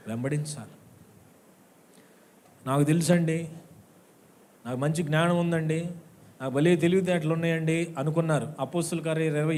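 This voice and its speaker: A man's voice: on the high side, darkish tone. A man pastor with an Andhra Telugu accent, preaching at a watch night church service, calling out questions to the congregation and acting out the voices he quotes. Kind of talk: sermon.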